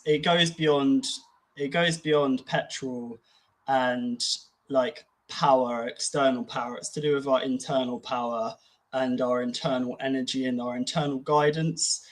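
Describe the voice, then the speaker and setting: Male co-host, mid pitch, easygoing and reflective, casual podcast delivery. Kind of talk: casual conversational podcast chat.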